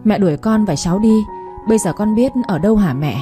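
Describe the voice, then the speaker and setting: A woman's voice: mid-range voice, animated, moderate pace, music in the background, lightly acted. A woman voicing a young mother in her twenties who begs tearfully for mercy. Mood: pleading. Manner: begging, tearful pleading.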